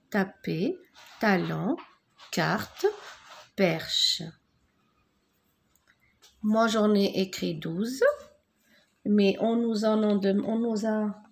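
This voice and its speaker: A woman teaching a French lesson, spelling out words syllable by syllable and repeating them slowly. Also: mid-range voice.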